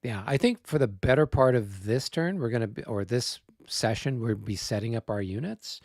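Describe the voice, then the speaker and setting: A man's voice: medium pitch, lively intonation, moderate pace, a little mellow, no room sound, clean studio sound. Upbeat man hosting a game stream. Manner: laughs often, upbeat. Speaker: host of a wargame livestream. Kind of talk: casual chat.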